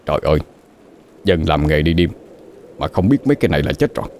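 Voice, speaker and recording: A man voicing a frightened middle-aged truck driver who speaks in a hoarse, trembling whisper and gives hushed, urgent orders. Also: deep voice, normal speed, slight background noise, close to an everyday voice. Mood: terrified, urgent.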